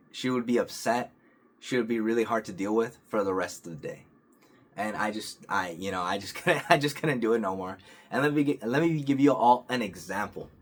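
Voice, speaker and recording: Low-voiced young man rambling calmly. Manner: rambling, many restarts and fillers; calm, earnest. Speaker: vlogger. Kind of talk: casual storytelling to camera.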